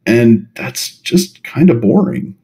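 A man appearing as a podcast guest, a role-play writer, explains things at length in a thoughtful, hesitant, conversational way. His mid-range voice is warm and sing-song, and he speaks slowly.

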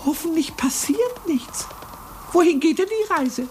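A woman playing a jittery little male hare from a puppet show, his squeaky voice leaping up and down in a shrill register. He wails and begs, always sure that danger is close. The clean hiss of an old studio recording sits behind him. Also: sing-song, normal speed. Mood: reluctant. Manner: panicky, wailing pleas. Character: timid cowardly male hare. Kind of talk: puppet play voice acting.

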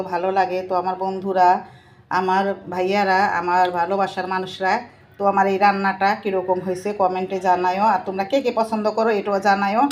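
A woman, narrating a casual home cooking vlog and chatting warmly with her viewers as friends. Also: mid-range voice, a little hiss or hum. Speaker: cooking vlogger.

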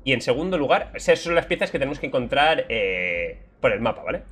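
A man from Spain giving casual, jokey reaction commentary on game lore as a streamer, swearing and shouting when surprised. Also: mid-range voice, big pitch swings, brisk, husky.

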